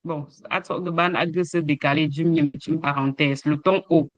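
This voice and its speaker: A man teaches a language class online, going through examples one syllable at a time. His voice sits a bit high for a man, and he talks very slowly and deliberately. The sound is dry and close. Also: steady tone, no echo. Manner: slow, explains with repeated examples and hesitations. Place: home, over a video call. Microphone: computer mic on a video call.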